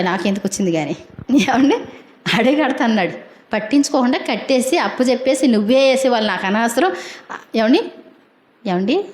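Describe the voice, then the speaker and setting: A woman's voice: fairly high pitch, a little mellow, reverberant. A woman preaching a sermon in a chatty, colloquial way, keeps asking her congregation questions.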